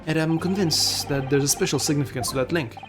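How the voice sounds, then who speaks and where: A man's voice: a little high, quick pace, music in the background, close to an everyday voice. A man voicing an earnest, determined young male defense lawyer in a fan dub of a video game.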